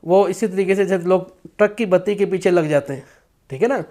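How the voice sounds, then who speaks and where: A man explaining a spiritual practice in a firm instructional talk, with stretches of slow chanted recitation. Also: sits high, mellow.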